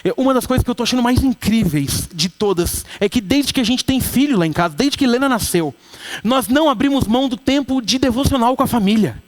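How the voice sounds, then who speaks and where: High-voiced Brazilian pastor preaching. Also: male voice, a little fast. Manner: animated preaching, acting out quoted voices. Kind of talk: sermon. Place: church sanctuary.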